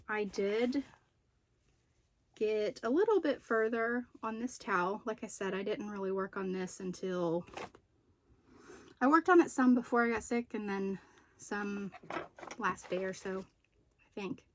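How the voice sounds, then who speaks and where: A woman's voice: mid-range voice, unhurried, long pauses, a little hiss or hum. A woman chatting casually in a home video as she shows off her craft projects. She rambles a little and stops to remember details. She sounds slightly out of breath after being ill. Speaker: crochet and knitting vlogger. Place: room at home with poor lighting.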